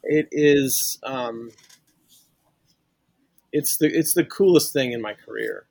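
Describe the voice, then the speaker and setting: A man's voice: mid-range voice, slow pace, darkish tone, dry recording. Earnest man from St. Louis, dry sound. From St. Louis, USA. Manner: earnest, restarts often, thinks aloud. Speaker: sportswriter guest. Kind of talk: casual podcast interview.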